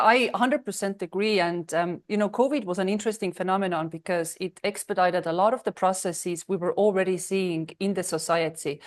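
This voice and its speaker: A woman in her thirties from Estonia, talking as a guest on an interview podcast. Her voice sits at a middling pitch, and she answers in a measured way, often pausing on um and uh between thoughts. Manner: measured, with frequent ums and uhs. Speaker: podcast guest, freelance consultant. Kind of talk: conversational interview.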